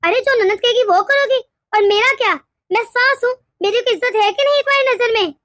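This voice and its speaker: A woman voicing a short-tempered, self-pitying middle-aged mother-in-law in an animated cartoon, complaining in shrill taunts. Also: brisk, no room sound, studio quality. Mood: scolding.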